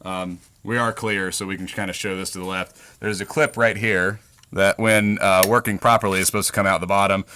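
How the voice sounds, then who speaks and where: A man's voice: deep voice, steady tone, fairly quick, bright, forceful tone, a little hiss or hum. A man hosting a casual demonstration video at an outdoor shooting range, joking in a laid-back way with frequent ums. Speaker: video host.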